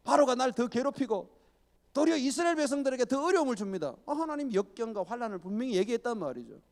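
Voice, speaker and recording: A male pastor preaches with a high, lively voice that swings widely as he fires off rhetorical questions and chuckles. His voice rings with the long reverb of a church sanctuary. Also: fast. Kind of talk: sermon.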